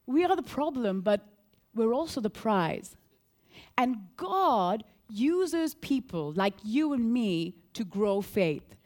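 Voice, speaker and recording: A woman from Sri Lanka preaching a sermon, earnest and animated, repeating key phrases and telling a story. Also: a little high, takes it slowly.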